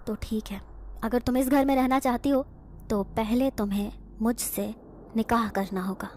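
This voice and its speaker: A woman voicing an angry, reclusive young man who is secretly a jinn, speaking harshly, scornfully and slowly. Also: on the high side, steady tone, a little mellow, slight background noise, close to an everyday voice. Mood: calm. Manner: harsh, scornful and slow-spoken.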